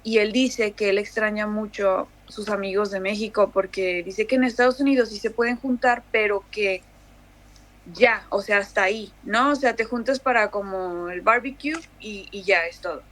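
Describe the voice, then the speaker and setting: A woman's voice: mid-range voice, moderate pace, a bit bright. A young Mexican woman with a Mexican accent, chatting casually as a guest, full of fillers and restarts. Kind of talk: casual conversation.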